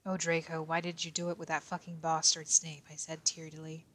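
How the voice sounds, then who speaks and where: A reserved teenage boy detective, played by a woman, reads a silly story aloud in a low, level voice. He keeps an almost monotone delivery and stumbles over strange words. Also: brisk. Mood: deadpan reading. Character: young male teen detective, quiet and reserved. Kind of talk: in-character reading of a fanfic.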